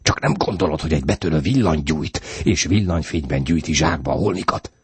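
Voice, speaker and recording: A tense, curt husband snaps his answers in a very deep voice, as a man reading a story plays him. His tone is husky and close, recorded dry. He stays insistent and on edge. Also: dry recording, heavily acted.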